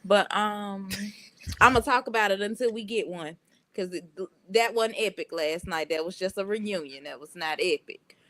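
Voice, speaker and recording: A woman's voice: mid-range voice, normal speed, fairly bright tone, dry recording. An American woman speaking bluntly and casually as a podcast panelist. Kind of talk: casual chat.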